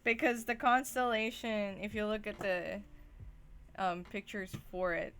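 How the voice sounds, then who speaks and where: Slow, easygoing woman streamer. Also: medium pitch, smooth. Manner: relaxed, thinking aloud, frequent laughs. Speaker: artist streamer. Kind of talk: casual chat while drawing.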